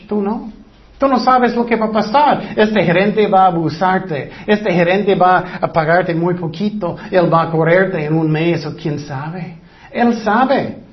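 A male pastor preaching a sermon, asking his listeners questions and answering them himself, in plain Spanish with small slips. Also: high-pitched. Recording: dull lo-fi sound.

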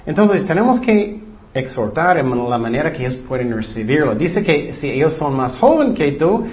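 A man, a pastor, giving informal Bible teaching in an earnest, conversational way with frequent asides. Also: fairly high pitch. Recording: dull lo-fi recording.

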